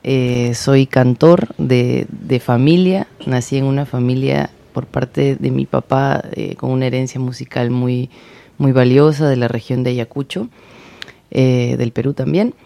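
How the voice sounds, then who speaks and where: A man, a singer-songwriter, speaking heartfelt on the radio with frequent pauses. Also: medium pitch, steady tone, creaky, mellow. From Peru. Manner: heartfelt, pausing often. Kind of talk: radio guest talk.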